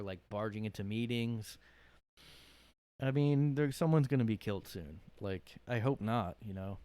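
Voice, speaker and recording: A man with a fairly low, darkish voice that rings clear and resonant hosts a solo podcast from his own room, with no room sound. He rambles casually and hesitantly, full of fillers, sounding worn out after a cold.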